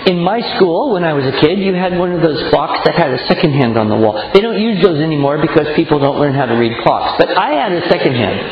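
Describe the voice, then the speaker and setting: A man's voice: a little high, brisk, few pauses. A man who teaches children gives a talk to an audience, telling stories and acting out little voices as he goes. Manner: animated, storytelling with acted-out voices. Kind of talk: lecture to an audience. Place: large room with audience. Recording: echoey hall, dull lo-fi sound.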